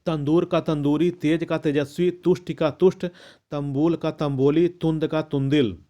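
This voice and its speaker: A man reading out a long list of word pairs as a lesson, measured and methodical, with the odd restart. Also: a little high, steady tone, mellow. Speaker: teacher reading a Hindi vocabulary list. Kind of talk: slow recitation of word pairs.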